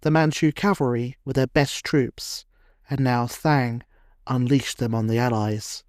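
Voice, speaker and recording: Slow, measured male documentary narrator. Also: medium pitch, fairly even intonation, no room sound, clean studio sound. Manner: measured, dramatic storytelling cadence. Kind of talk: scripted history narration.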